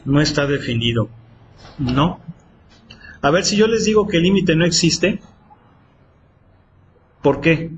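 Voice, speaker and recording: A man's voice: a little high, lively intonation, slow pace, long pauses, lo-fi sound, slight background noise. Math teacher quizzing his class. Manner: quizzing students with repeated questions. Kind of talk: classroom lecture.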